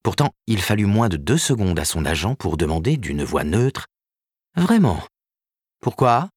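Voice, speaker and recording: A man narrating a novel with measured, expressive storytelling and a husky voice. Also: sits low, dry recording, studio quality. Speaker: audiobook narrator. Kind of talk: scripted narration.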